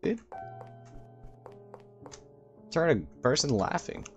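A man hosting a gaming video with very animated pitch. He chats casually and swears freely as he plays, often at an unhurried pace, over faint music. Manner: sweary, slangy, talking to himself and to the game. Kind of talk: casual game commentary.

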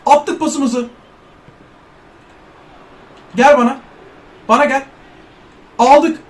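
High-voiced excitable gamer man. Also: drawn-out words. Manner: loud, excitable, trash-talks and curses at teammates; jokes as an overweight footballer in first person. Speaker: gaming YouTuber. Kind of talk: excited live gameplay commentary.

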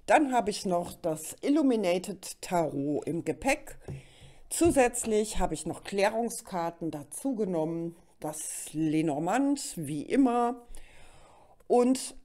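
This tarot reader and host, a middle-aged woman nursing a slight cold, talks directly to the listener during a casual reading at an indoor card table. She speaks slowly and expressively, in a mid-range voice with a dark tone.

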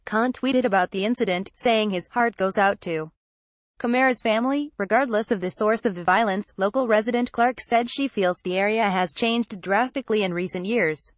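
A woman reading a news article aloud as scripted narration, in an even, flat delivery. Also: mid-range voice, no room sound. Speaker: news reader.

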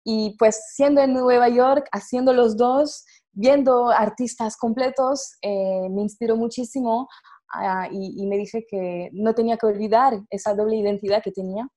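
A young woman from France speaking Spanish as a second language with a French accent, answering interview questions over a video call in a lively way, often restarting her words. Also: a little high, moderate pace. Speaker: guest performer. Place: home room with red sofa. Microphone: earphone headset on video call.

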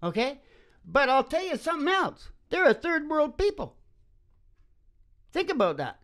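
A middle-aged man with a very high, sing-song voice, a fairly bright tone and a moderate pace hosts a live show as a musician, chatting casually between songs. He rambles in an opinionated, folksy way and keeps checking in with "right?". He's in a small, dim room speaking into a stand mic close to his mouth, with an acoustic guitar playing around his voice.

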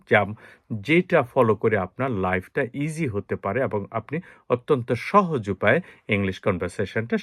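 A man teaches English tips in a plain, steady voice. He explains point by point and repeats key phrases, recorded close in a dry room. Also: mid-range voice, no room sound. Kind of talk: spoken English lesson in Bengali.

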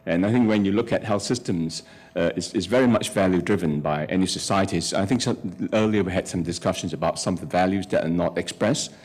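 A middle-aged man on a conference panel, speaking into a table mic, explaining policy in a measured way with frequent hesitations. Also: low-pitched, darkish tone. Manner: measured, explanatory, many fillers and restarts. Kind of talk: academic panel discussion. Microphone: table microphone.

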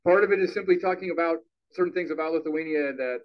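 A man giving a relaxed, conversational public talk into a handheld microphone in a small meeting hall. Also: fairly high pitch, fast. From Chicago, Illinois. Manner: relaxed, conversational, laughs easily. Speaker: guest lecturer, sociology professor. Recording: dull lo-fi sound.

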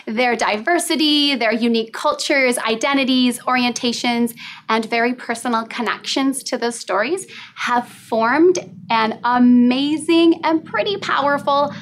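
Woman, quite high voice, upbeat, co-director welcoming a streamed audience. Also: unhurried, slight background noise. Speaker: co-director of a community theatre show. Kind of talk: scripted introduction to a streamed play.

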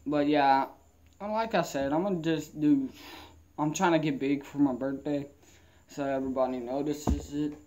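Slightly high and a little mellow, this young adult vlogger's voice keeps a fairly even intonation at normal speed, with slight background noise behind it. Filming at arm's length, mostly inside a wooden garage or shed with the door open, he rambles casually while dipping tobacco in his lip muffles his words a bit.

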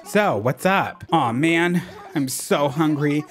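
A man's voice: on the high side, expressive, faint music behind. A man reading out a laid-back animal villager. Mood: lazy. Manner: reading the villager's lines slowly aloud.

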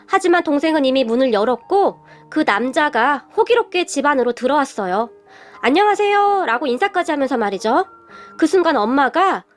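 High-voiced woman narrating a story. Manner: steady, polite storytelling. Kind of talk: scripted first-person story narration. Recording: soft background music.

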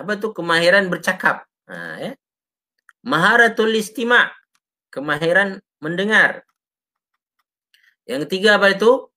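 Bright-voiced Malaysian male teacher. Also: sits high. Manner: chatty, often addresses listeners, punctuates with short "ha, ya" tags; reads out and answers viewer comments. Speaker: Islamic teacher. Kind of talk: casual live teaching talk.

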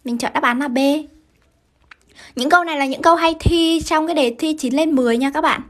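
High-voiced Vietnamese woman teaching English. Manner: brisk, keeps asking students to confirm. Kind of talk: live-streamed grammar lesson.

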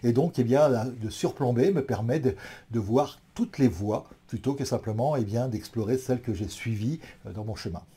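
Dark husky-voiced man lecturing. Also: mid-range voice, normal speed. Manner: thoughtful, many hesitations and restarts. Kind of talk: explanatory talk to an audience.

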